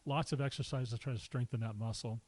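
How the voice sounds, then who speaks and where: Middle-aged male guest, casual storyteller, average pitch, lively anecdotes. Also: quick pace, low-quality recording. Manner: relaxed anecdotes with chuckles and acted-out quotes. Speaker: podcast guest.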